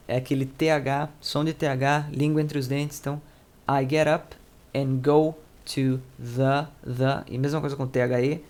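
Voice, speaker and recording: Man slowly spelling out English phrases. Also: mid-range voice, creaky. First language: Portuguese. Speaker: English teacher. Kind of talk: explanatory lesson, translating sentences.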